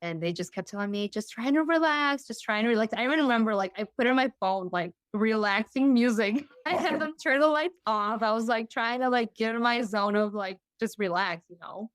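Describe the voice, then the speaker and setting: Chatty young woman with a smooth voice. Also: on the high side, a little fast, hardly any pauses, no room sound. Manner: chatty, full of "you know" and "like", acting out quoted voices. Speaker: interview guest. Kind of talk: casual storytelling.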